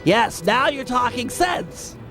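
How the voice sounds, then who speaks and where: A fussy, high-voiced turtle genius. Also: male voice, sing-song, slow, exaggerated voice. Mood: scolding. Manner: fussy, scolding, nervous. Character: nerdy fretful male turtle genius. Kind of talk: video game cutscene acting. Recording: game clip with music behind.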